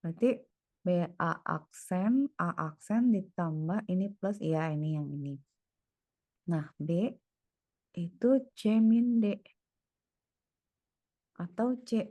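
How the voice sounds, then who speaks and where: Woman tutor, unhurried delivery, dry close sound, mutters through each step while thinking aloud. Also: on the low side, expressive, warm tone, no echo. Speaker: private tutor. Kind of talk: one-on-one tutoring, working through problems aloud.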